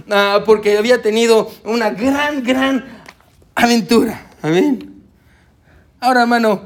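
A male pastor preaching in church, telling a personal story with lots of "amén" and "hermano", and slipping English words into his speech. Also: high-pitched. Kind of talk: sermon with personal anecdote.

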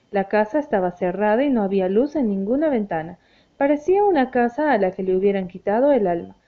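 A woman narrating an audiobook in a measured, expressive reading voice. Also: medium pitch. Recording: tinny phone-like sound.

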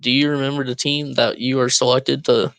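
A man's voice: mid-range voice, flat delivery, a little fast, vocal fry, a bit bright, dry recording. A young man co-hosting a casual podcast over a voice call, joking loosely and laughing often. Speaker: podcast co-host. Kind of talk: casual chat. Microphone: Discord voice call.

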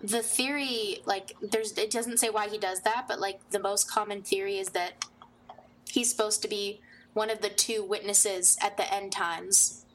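A woman's voice: medium pitch, fairly even intonation, a little slow, slight background noise. A woman co-hosting a casual podcast, asking offhand questions and chiming in with what she knows. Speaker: podcast co-host.

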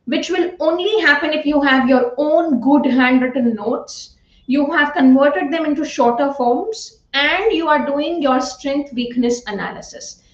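A woman's voice: sits high, measured pace. Female teacher, Indian accent, emphatic and carefully enunciated explaining, roomy and dull recording. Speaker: teacher advising exam students. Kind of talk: explanatory lecture with numbered points. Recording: echoey room, dull lo-fi audio.

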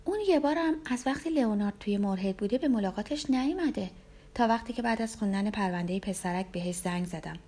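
A woman narrator voicing a beautiful, manipulative young woman who speaks in a soft, flattering, cajoling way. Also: medium pitch, natural voice. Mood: coaxing. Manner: gentle like a careful kind nurse.

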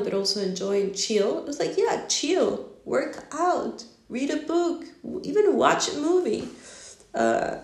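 A woman's voice: on the high side, creaky, a little mellow, reverberant. A woman talking casually on her own into a phone on a stand, rambling with lots of fillers and laughs. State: yawning, drowsy. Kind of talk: casual solo talk.

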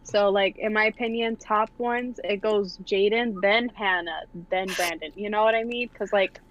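A woman's voice: mid-range voice, steady tone, moderate pace, fairly bright tone, low-quality recording. A woman in casual group podcast chat, blunt and teasing as a panelist.

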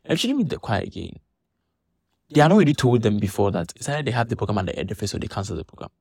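A man giving an animated, indignant monologue, restarting his sentences often. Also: on the low side, racing, creaky, husky, no room sound, clean studio sound. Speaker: church member commenting on a dispute. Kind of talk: casual monologue vlog.

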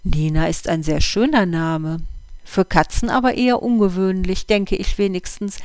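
A storyteller voicing Oskar, a calm and experienced male house cat who explains things patiently, in a dry recording. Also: mid-range voice, moderate pace, clear, resonant tone, no echo, lightly acted.

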